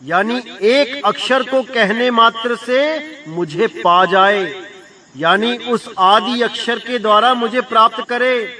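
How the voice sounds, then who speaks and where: Man preaching a devotional sermon, really high voice, far from the mic, chants verses then explains. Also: slow pace, pushed and bright. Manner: addresses listeners as brother. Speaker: spiritual teacher.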